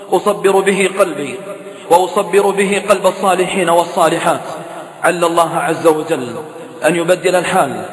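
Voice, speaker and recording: A man with a high, ringing voice delivers an impassioned sermon, pleading with his listeners. Long reverb trails after each phrase, as if he is in a large echoey hall. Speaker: preacher. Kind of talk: emotional sermon.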